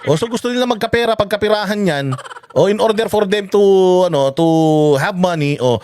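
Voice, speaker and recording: A high-voiced man rants about politics, cursing and tripping over his words as he builds up steam. Faint noise and the odd fowl call sit behind him. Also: animated, a little fast. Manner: heated, cursing, many restarts and fillers. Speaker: political vlogger. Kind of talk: angry political commentary.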